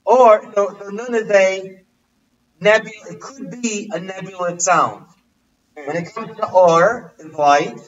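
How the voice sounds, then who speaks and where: A man with a high voice leads a casual language lesson. He keeps quizzing his listeners and repeating the same questions. He sounds set back from the mic, and the audio is dull and muffled. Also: a little slow. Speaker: teacher. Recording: distant, muffled livestream audio.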